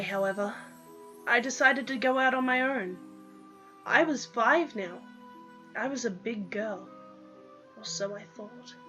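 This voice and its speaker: A young woman reads her own story dramatically in the first person, in a high-pitched, slightly bright voice. The recording is lo-fi, with music behind her.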